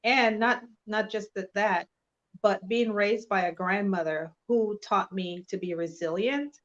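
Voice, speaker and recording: A woman speaks as an interview guest. She is measured and sincere and pauses often between thoughts. Her mid-pitched voice comes through a slightly dull, lo-fi video call line. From Trinidad and Tobago. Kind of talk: personal testimony in an interview.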